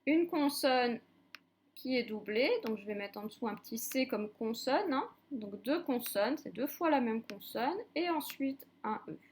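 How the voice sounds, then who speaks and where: Slow, patient woman teaching young children. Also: a little high, animated, slight background noise. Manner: slow, patient, spells out letters one by one. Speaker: primary school teacher. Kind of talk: recorded reading lesson for young children.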